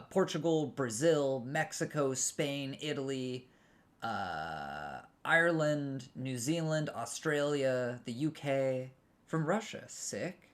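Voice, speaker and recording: A young American man streaming a game, rambling casually and answering his chat with many restarts. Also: mid-range voice. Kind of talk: casual live-stream chat while gaming.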